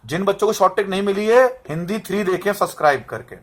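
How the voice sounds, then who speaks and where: Guy teaching a lesson, kinda high voice, drills syllables over and over, keeps asking if you got it, recorded on his own camera. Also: animated, fairly bright tone. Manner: drills terms and asks "समझ में आ रहा है?" to check understanding; calls students बेटा and repeats syllables slowly. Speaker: Hindi teacher. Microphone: camera mic, set up and adjusted by himself.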